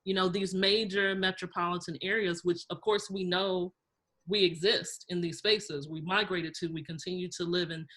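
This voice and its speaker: A woman's voice: fairly low pitch, steady tone, moderate pace, a bit bright. A woman moderating a panel who poses questions and offers brief affirmations. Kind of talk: panel discussion.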